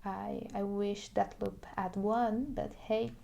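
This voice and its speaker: Playing a video game shop clerk in soft-spoken ASMR, a woman speaks at medium pitch with a flat delivery and vocal fry. She slips into whispers now and then and sounds hesitant and halting.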